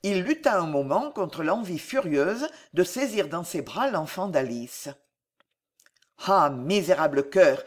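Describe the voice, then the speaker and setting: A woman narrating a classic novel as an audiobook, in a measured and dramatic manner. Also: fairly low pitch, very animated. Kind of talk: expressive literary narration.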